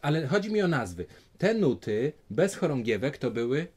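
A man's voice: on the high side, big pitch swings, normal speed, darkish tone. A man teaching a child a rhythm in a music lesson, patient and encouraging, explaining each step.

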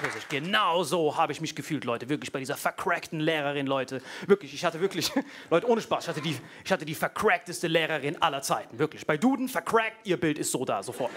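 A male comedian working a live crowd from the stage, full of slang and direct address. His voice sits high and swings widely in pitch. The stage recording is noisy. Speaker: stand-up comedian. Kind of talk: stand-up comedy set.

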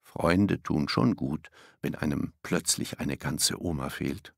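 A man narrating a children's audiobook in a playful, animated way. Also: very deep voice, takes it slowly, vocal fry, no room sound, studio quality.

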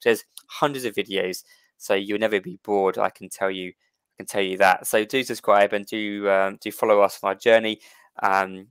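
A man's voice: lowish voice, a bit bright, no echo. A man hosting an online history talk, chatty, often repeating words and restarting as he welcomes people. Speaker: host.

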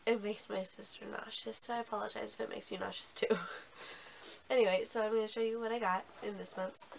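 A woman's voice: mid-range voice, fairly even intonation, a little fast, gravelly, slight background noise. Sick-voiced woman chatting about makeup. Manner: chatty, with many ums and restarts. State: sick, with a hoarse voice. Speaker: beauty vlogger. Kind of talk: casual haul review.

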